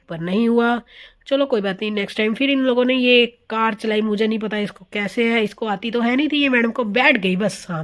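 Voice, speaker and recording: Chatty woman narrating her family vlog. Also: fairly high pitch. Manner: chatty, amused, mixing English words into her speech. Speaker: vlogger. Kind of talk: casual vlog voice-over narration.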